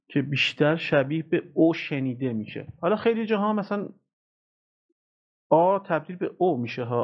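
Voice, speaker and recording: Man, pronunciation lesson, slow patient repetition, tinny lo-fi recording. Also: mid-range voice, creaky. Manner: patient, repeats words slowly many times. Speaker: English teacher. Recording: tinny phone-like audio.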